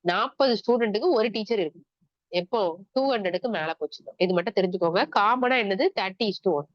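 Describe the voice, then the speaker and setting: A fast-talking woman with a medium-pitched voice and Tamil accent delivers an online exam-prep lecture, mixing English terms into her Tamil. She explains step by step and asks the class questions, recorded dry, muffled and lo-fi with no echo.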